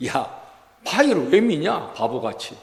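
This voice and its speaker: A pastor voicing a mocking devil. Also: male voice, fairly high pitch, sing-song, measured pace, gravelly, heavily acted. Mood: taunting. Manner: mocking, taunting. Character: sneering male devil whispering doubts. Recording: reverberant church hall.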